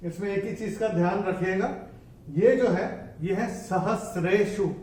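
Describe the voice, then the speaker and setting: Slow, high-voiced man teaching chanting. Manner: measured explaining, breaking into slow, louder chanted verses. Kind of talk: bilingual tutorial on chanting verses. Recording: echoey room, voice from a distance off the mic.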